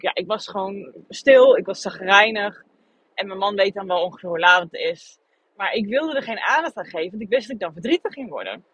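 Husky woman in a candid podcast monologue. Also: medium pitch, a bit bright, no room sound. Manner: candid, searching, thinks aloud. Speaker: podcast host. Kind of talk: personal reflective monologue. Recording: dull lo-fi recording.

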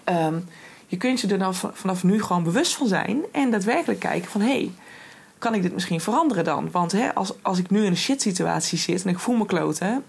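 A woman's voice: mid-range voice, gravelly, darkish tone, slightly rough. A young woman hosting a solo podcast, talking in a chatty, casual way with many fillers and restarts. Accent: Dutch. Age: young adult. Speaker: podcast host.

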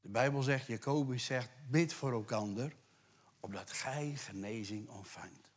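A man preaching a sermon to a congregation, conversational and animated, dropping to hushed whispers for scripture and rising to loud emphatic bursts. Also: medium pitch, unhurried. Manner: conversational asides with tag questions. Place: church.

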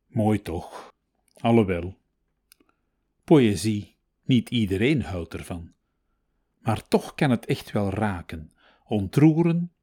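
A man hosting a podcast, reading poems and talking calmly with lively intonation. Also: lowish voice, breathy edge. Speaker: podcast host. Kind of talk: podcast narration and poetry reading. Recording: music playing behind the voice.

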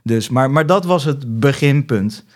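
A young man from the Netherlands sits in as a podcast guest, telling a long story in a loose, conversational way. His voice sits mid-range, and he slips into quick impressions when he recounts phone calls. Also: medium pitch, expressive. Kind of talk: casual storytelling chat.

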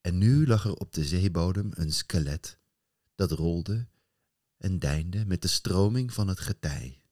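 A man telling a folktale as a storyteller, dramatic and animated, building suspense. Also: low voice, unhurried, no echo, clean studio sound.

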